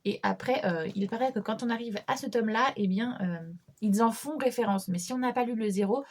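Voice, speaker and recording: A woman's voice: a little high, a little fast. Chatty young woman talking about books. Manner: chatty, many fillers and restarts, light laughs. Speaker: book vlogger. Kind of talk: casual chat about books.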